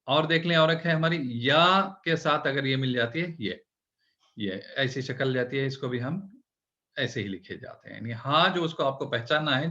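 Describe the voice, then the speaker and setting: A male teacher walks beginners through letter shapes, patient and methodical. His voice is bright and forward. The recording sounds dull and lo-fi. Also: mid-range voice. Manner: patient, explaining step by step, opening with prayers. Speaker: Urdu teacher. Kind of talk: online language lesson.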